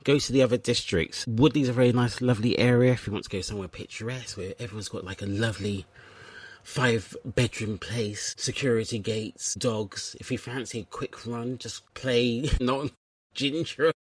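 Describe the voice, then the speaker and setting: A man from England hosts a comedic podcast, rambling through his chat in a playful, self-mocking way. His voice sits at an ordinary middle pitch. The recording is dry, with no room sound. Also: normal speed, dry recording. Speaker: podcast host.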